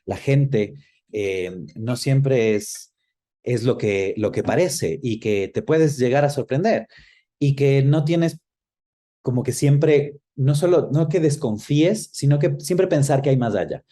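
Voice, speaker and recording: Speaking slowly in a mellow, mid-range voice, an Ecuadorian-accented man recalls personal experiences as an interview guest. He works in film, and his explanations are reflective and conversational.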